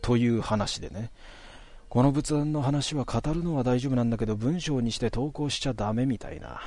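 A man casually telling a ghost story in a relaxed, conversational way, stretching out some phrases. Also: mid-range voice, fairly quick, no echo.

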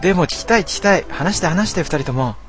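A man's voice: sits high, lively intonation, quick pace, fairly bright tone, soft background music, voice pushed up. Man doing a quirky young woman's voice. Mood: eager.

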